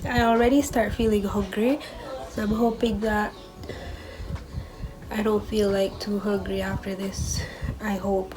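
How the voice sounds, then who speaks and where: A woman's voice: medium pitch, fairly even intonation, a little slow, long pauses, music in the background, low-quality recording. A young woman talking casually as a vlogger, her nose stuffed up, chatty and candid about being stressed. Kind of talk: casual vlog chat.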